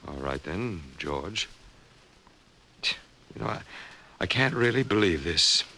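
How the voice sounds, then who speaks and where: A resigned, bookish professor, American and wryly sardonic. His low voice has a bright edge and moves freely up and down as he feels his way haltingly through lines, in 1950s radio style with faint recording noise. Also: lively intonation, creaky, full character voice. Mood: wry disbelief. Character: wry, bookish captive male professor, resigned last man. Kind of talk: 1950s radio drama acting.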